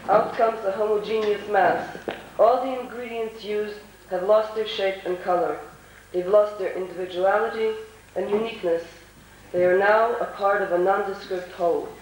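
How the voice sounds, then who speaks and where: A young woman with a nasal twang from a bad cold, giving a measured, rhetorical prepared speech as a youth panelist. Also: mid-range voice, steady tone, a little mellow. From United States, New York. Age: young adult. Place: large echoey room at a conference. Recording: very echoey hall, distant mic, faint noise.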